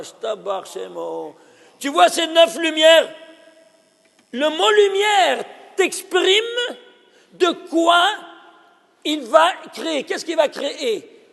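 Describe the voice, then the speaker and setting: An animated rabbi, a man, teaches in a hall with a long, lingering reverb. His voice sits very high with a gravelly edge, and he keeps exclaiming and putting questions to his listeners. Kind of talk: Torah lesson.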